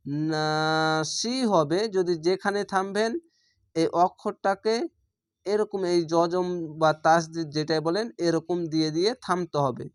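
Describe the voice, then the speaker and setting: A man teaching how to recite a short chapter, stretching each verse slowly and then explaining the pronunciation rules. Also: sits high, dry recording, studio quality. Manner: slow drawn-out recitation alternating with plain explanation. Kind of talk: tajweed lesson for learners.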